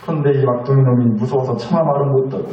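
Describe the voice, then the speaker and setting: A male pastor preaching in an animated storytelling style, acting out voices, recorded in a large church sanctuary from a distance. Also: mid-range voice, racing. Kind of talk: sermon. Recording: very echoey hall, distant muffled mic.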